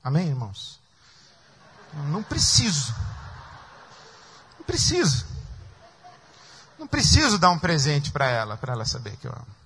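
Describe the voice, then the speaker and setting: A man's voice: big pitch swings, a little fast, creaky, pushed and bright, slightly rough. A man preaching a sermon as a pastor, emotional and acting out the voices he quotes. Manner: emotional, acts out quoted voices with rising pitch.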